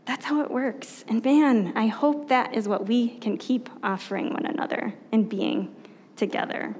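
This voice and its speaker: A woman pastor preaching in a relaxed, conversational way, with a voice sitting a little high. She takes her time, pausing to think and turning to her listeners with gentle rhetorical questions. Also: a little hiss or hum. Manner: thoughtful pauses with soft fillers. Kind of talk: conversational sermon.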